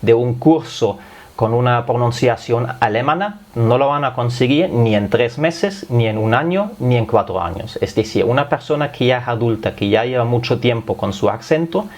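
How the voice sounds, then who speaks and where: A German-born man teaches a Spanish lesson patiently and step by step, his Spanish carrying a slight German accent. His medium-pitched voice is expressive and darkish, moving at normal speed, and he often says "es decir" as he explains.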